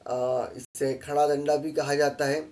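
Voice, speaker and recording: A man with a fairly high voice gives a classroom lesson over slides. He explains patiently, repeats the key points and fills his pauses with short hesitations. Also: little pitch movement, a little mellow. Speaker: teacher.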